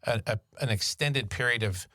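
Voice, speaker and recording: A man's voice: mid-range voice, moderate pace, bright, forceful tone, no echo. A man co-hosting a financial podcast in casual chat, with dry, sarcastic quips. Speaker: podcast co-host.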